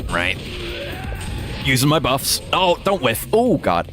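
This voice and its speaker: A man's voice: mid-range voice, sing-song, slow pace, music in the background. A young man casually commentating a game stream with joking, sarcastic asides.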